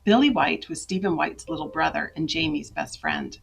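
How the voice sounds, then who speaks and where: A woman's voice: sits low, moderate pace, creaky, slight background noise. A woman presenting a book talk, reading aloud and chatting in a self-deprecating way.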